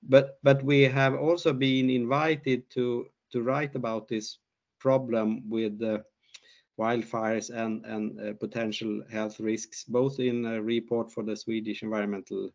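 Over muffled video call audio from a laptop mic, an older man with a creaky, medium-pitched voice speaks a little slowly and with little pitch movement. He's presenting research at an online conference with Q&A, and he stumbles through many fillers and restarts.

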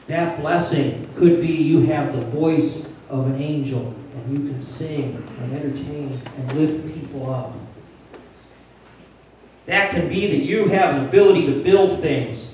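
An older pastor delivers a sermon in a plainspoken, conversational way that builds to urgent emphasis, his voice slightly high for a man, unhurried and a little mellow. He is picked up from far off on a handheld mic, filmed by a distant camera in a very echoey sanctuary, with a faint room hum underneath.

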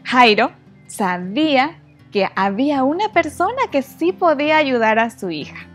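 A woman telling a Bible story to children, expressive and gentle, speaking directly to her young listeners. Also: high-pitched, a little slow, soft background music.

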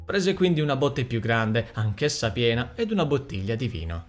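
Lively male audiobook narrator. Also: mid-range voice, normal speed, faint music behind. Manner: expressive storytelling. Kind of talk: scripted narration.

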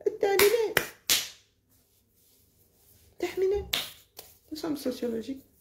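A woman's voice: mid-range voice, animated, a little slow, vocal fry, noisy background. A woman, ranting casually and mocking someone as she lectures. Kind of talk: casual live rant. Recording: roomy echo.

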